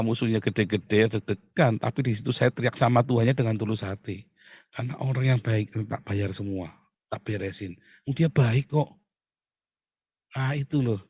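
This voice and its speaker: A male pastor, preaching in an animated, mocking way that swings from loud outbursts to low asides. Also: dry recording, studio quality. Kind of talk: sermon.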